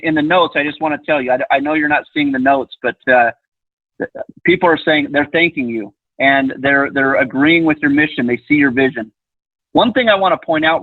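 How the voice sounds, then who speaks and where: Male call host, earnest and halting; husky, slightly high, phone-line sound. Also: dry recording. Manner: earnest, stammering, repeats words. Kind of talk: hosting a group call. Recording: tinny dry phone line.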